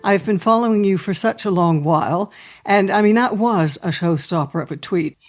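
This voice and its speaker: A woman's voice: mid-range voice, normal speed. A woman in her sixties hosting a podcast, chatty and enthusiastic as she talks with her guest. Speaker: podcast host. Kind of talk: podcast interview.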